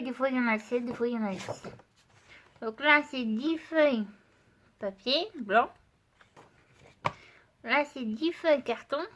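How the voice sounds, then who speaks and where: An art channel host with a cold-stuffed voice chats casually to her viewers, speaking to them directly while showing craft supplies and testing paper, with frequent fillers. Her voice sits high with a fairly bright tone, and there's a little hiss or hum.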